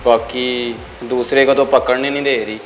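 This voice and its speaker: A chatty man speaks casually to his viewers while he tends his birds, and now and then he coaxes them in a friendly voice. His pitch sits in the middle range. Soft music plays faintly behind him, and the sound comes from a phone camera held in his hand. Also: steady tone, normal speed. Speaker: bird-keeping vlogger. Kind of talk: casual vlog chat. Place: at home, among bird cages.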